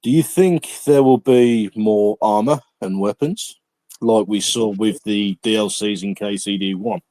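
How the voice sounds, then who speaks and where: A man's voice: on the low side, unhurried, warm tone, no room sound. A man hosting a casual podcast, chatty and often repeating words as he starts a sentence. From England. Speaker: podcast host. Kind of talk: casual chat.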